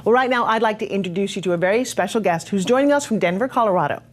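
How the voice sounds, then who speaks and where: A woman's voice: medium pitch, racing. A woman hosting an infomercial, interviewing guests and addressing viewers in a polished, prompting sales-presenter manner. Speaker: infomercial host.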